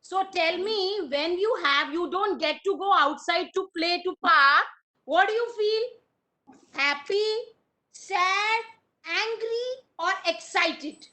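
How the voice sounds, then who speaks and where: A young woman teaching an online preschool class, slow, sing-song and very expressive, praising the children. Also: extremely high pitch.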